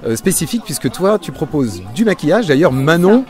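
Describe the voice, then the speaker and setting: A middle-aged man interviewing exhibitors outdoors with a handheld mic, relaxed and full of hesitations. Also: a little high, soft background music. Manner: quick, relaxed, many hesitations. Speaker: event interviewer. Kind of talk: friendly on-site interviews. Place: outdoor park at a business fair.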